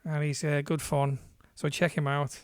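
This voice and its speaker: Between tracks on his DJ livestream, a man chats casually, chuckling and swearing here and there, as music plays loudly underneath. His slightly high voice is smooth, level and at normal speed, with studio quality and no echo.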